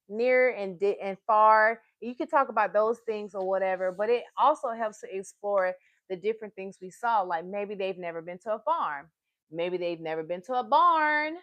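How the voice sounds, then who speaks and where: This woman runs a storytime livestream for children, talking to the kids and parents with animated, sing-song encouragement. Her voice is mid-range, and there's no room sound.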